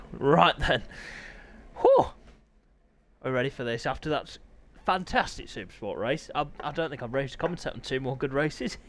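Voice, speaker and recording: A man commentating live online races with an excitable, chatty manner, his throat sore and hoarse. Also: mid-range voice, normal speed, long pauses. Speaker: sim racing commentator.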